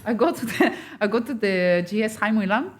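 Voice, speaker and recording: A woman's voice: mid-range voice, fast talker. A woman from France who was born in Russia, chatting casually on a podcast as a guest, switching between languages and acting out what people said to her. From born in Russia, raised in France. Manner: animated, mixes English, Vietnamese and French, acts out quotes.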